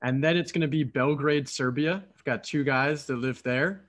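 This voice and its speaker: A Philadelphia man in his thirties hosts a casual podcast interview over a video call from an apartment room, wearing a headset. He talks eagerly in long stretches with a few fillers, at a normal pace and fairly high pitch.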